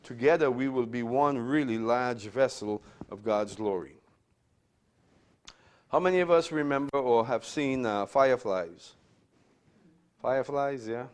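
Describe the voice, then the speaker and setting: An older pastor from Trinidad with a medium-pitched voice gives a class a conversational Bible lecture, often checking in with "right?" and repeating himself.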